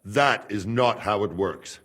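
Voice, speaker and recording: An actor playing a wary, loyal male castle guard from Buda who speaks in a calm, measured and firm way. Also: on the low side, slightly rough, exaggerated voice.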